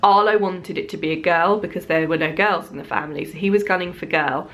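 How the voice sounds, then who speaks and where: A woman vlogger in her thirties talks openly to camera. Her voice sits a touch low, and she speaks candidly and thoughtfully, with plenty of "um"s and soft laughs between thoughts. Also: fast talker. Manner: candid, reflective, frequent fillers and soft laughs. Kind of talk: personal storytelling vlog.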